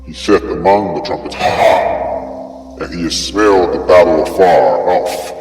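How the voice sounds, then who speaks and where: Grand rhetorical questions mark a man's solemn, theatrical dramatic reading of archaic scripture, delivered in a low voice of darkish tone. Music plays beneath, and long echoey reverb surrounds him.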